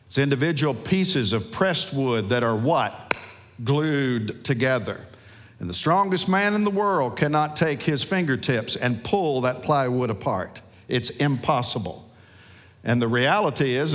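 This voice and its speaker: A man preaching a sermon as a pastor, emphatic, with rhetorical questions and dramatic pauses, in a church sanctuary. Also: mid-range voice, animated, fairly bright tone. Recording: long hall reverb.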